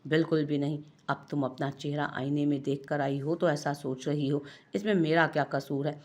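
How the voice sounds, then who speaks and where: A woman's voice: deep voice, fairly even intonation, moderate pace, darkish tone. A woman with an Urdu accent voicing a playful young husband who teases his wife with mock innocence. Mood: teasing.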